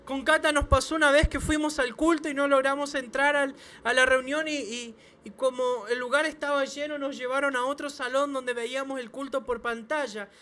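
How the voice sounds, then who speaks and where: A man, a pastor, preaching a sermon to his church with emphatic repeated phrases and quick restarts. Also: very high voice, fairly even intonation, bright, forceful tone. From Chile. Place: church service.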